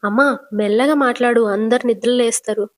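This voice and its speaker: A woman's voice: fairly high pitch, brisk, natural voice. A woman voicing a panicky grown son who pleads urgently.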